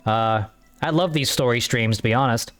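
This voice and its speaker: A man's voice: mid-range voice, moderate pace, fairly bright tone. A man streaming a story game, talking in a rambling, offhand way and swearing casually. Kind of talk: casual let's-play commentary.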